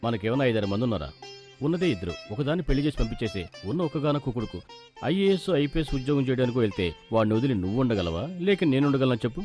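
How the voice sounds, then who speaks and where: An actor playing a stubborn, dismissive middle-aged father who speaks in a dry, measured way over faint film music. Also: mid-range voice, big pitch swings, darkish tone, close to an everyday voice. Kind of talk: film comedy dialogue.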